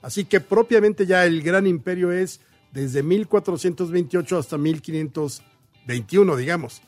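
A man with a Mexican Spanish accent, a guest historian telling history in a measured, explanatory way on a radio talk show. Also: high-pitched, darkish tone, dry recording, soft background music.

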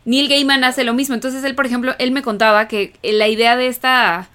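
A woman co-hosting a relaxed podcast conversation. Her voice is a touch high, and she muses aloud, stringing thoughts together with filler words. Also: fairly quick. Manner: chatty, thinks aloud with fillers. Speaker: podcast co-host. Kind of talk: casual podcast chat.

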